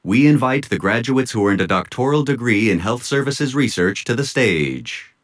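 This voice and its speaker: A man announcing graduates' names at an outdoor commencement ceremony, in a measured, deliberate manner. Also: mid-range voice, lively intonation. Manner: measured, deliberate name-reading. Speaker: commencement name reader. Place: outdoor tent stage at a graduation.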